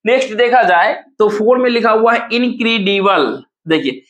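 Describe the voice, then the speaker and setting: A man teaching an exam-prep lesson, who asks and answers his own questions and repeats words slowly to show where the stress falls. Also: high voice, animated, a bit bright. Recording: echoey room.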